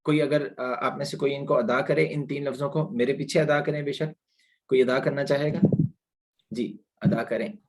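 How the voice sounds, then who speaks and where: A man teaching a Quran pronunciation lesson online, patiently explaining and repeating letter sounds slowly for students to copy. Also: medium pitch, fairly even intonation, a little hiss or hum. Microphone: online class recording.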